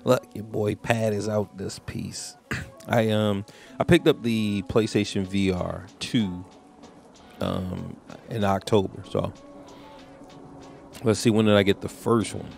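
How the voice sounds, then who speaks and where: Male tech reviewer, raspy low voice, chatty and rambling, casual vlog delivery. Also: fairly even intonation, takes it slowly, pauses often, a little mellow, faint music behind. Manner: slangy, rambling storytelling with many fillers.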